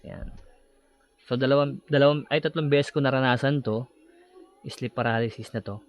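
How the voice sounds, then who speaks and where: A man casually telling a personal horror story about sleep paralysis, halting and acting out his own shouts. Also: medium pitch, fairly even intonation. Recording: slightly dull audio with clear background noise.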